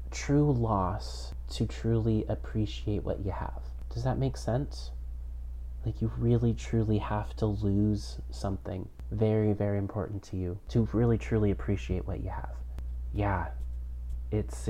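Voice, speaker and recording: A man hosting a casual podcast, earnest, candid and reflective, talking into headphones used as a microphone, with low-quality sound. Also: dark tone, slight background noise. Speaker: podcast host. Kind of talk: casual personal podcast introduction.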